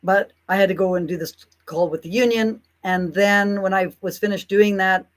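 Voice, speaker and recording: A woman's voice: mid-range voice, fairly even intonation, moderate pace. A woman talking casually to her audience in an indignant, rambling monologue, often breaking into mocking asides. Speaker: commentator.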